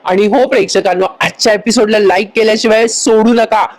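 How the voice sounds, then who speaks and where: A woman's voice: mid-range voice, fairly even intonation, a little fast, rough recording. A woman narrating a voice-over recap of a TV serial. She is chatty and talks straight to the viewers. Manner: chatty, addresses viewers directly.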